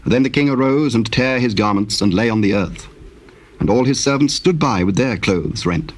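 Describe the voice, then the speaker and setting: A man narrating a dramatized Bible, telling the story solemnly in measured, archaic English. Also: mid-range voice, animated.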